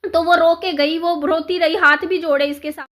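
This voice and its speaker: A woman's voice: extremely high pitch, steady tone, moderate pace, fairly bright tone. A woman vlogger telling a neighborhood story in a casual, chatty way, repeating herself and acting out the quoted dialogue.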